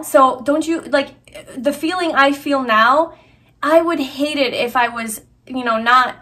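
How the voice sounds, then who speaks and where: A young Hungarian woman vlogs in a casual, earnest way, frequently restarting sentences and using fillers. Her pitch is a little high and her tone a bit bright.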